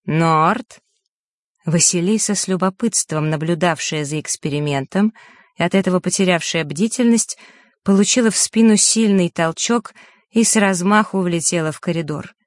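Audiobook narrator, mid pitch, measured and steady, dry close sound. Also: dry recording. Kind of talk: scripted narration.

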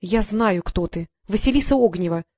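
A woman's voice: on the high side, animated, normal speed, darkish tone, no room sound, studio quality, voice pushed up. A woman voicing a tiny, haughty female fairy courtier who lectures and gets irritated easily. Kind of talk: audiobook character voice.

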